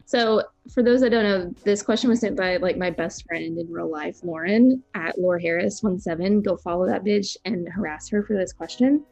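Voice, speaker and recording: Gravelly late-twenties podcast woman. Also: lowish voice, moderate pace, hardly any pauses, a little mellow, faint music behind. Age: late 20s. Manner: chatty, reads listener questions. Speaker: podcast co-host. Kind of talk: casual podcast chat.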